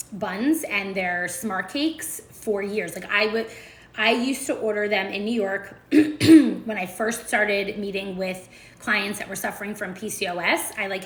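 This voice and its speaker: A woman's voice: mid-range voice, a bit bright, reverberant, a little hiss or hum. A woman chatting casually to viewers during a live stream as she makes breakfast in her kitchen, full of fillers and asides. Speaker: food and nutrition creator. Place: home kitchen.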